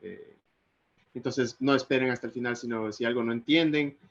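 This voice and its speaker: A man's voice: medium pitch, moderate pace, muffled recording. A man from Ecuador giving an online technical lecture, hesitating often with fillers and restarts.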